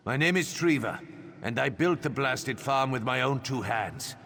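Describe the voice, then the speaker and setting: An actor voicing the gruff, cursing ghost of a murdered old farmer in a fantasy video game, with a gravelly voice. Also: male voice, medium pitch, lively intonation, moderate pace, fairly bright tone, a little hiss or hum. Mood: bitter, urgent.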